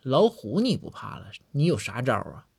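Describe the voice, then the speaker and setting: A man's voice: mid-range voice, huge pitch swings, normal speed, vocal fry, slightly rough, heavily acted. A man voicing a sardonic older adviser who mocks with scorn. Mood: mocking. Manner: mocking and scornful.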